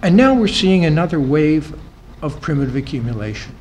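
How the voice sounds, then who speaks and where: A man's voice: on the high side, very animated, fairly quick, a little mellow, slight background noise, poor audio. Man lecturing, voice fading at phrase ends. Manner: voice drops and trails off at the ends of phrases; emphatic repetition of key phrases. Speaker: conference panel speaker. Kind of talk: academic talk to a live audience. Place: conference room.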